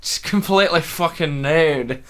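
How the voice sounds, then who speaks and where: A man's voice: a little high, unhurried, a bit bright. A young man co-hosting a podcast, telling crude stories in casual banter, swearing often and laughing. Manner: crude, profane storytelling with frequent laughter. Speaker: podcast co-host.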